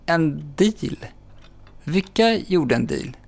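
A man's voice: on the high side, gravelly. Puzzled dad, read by a man. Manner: raised, questioning calls. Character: puzzled father of a young boy. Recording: background music under the voice.

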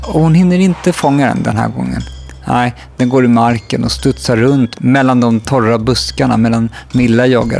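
A man reading a children's book aloud in a calm, even storytelling manner. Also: mid-range voice, vocal fry. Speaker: audiobook narrator.

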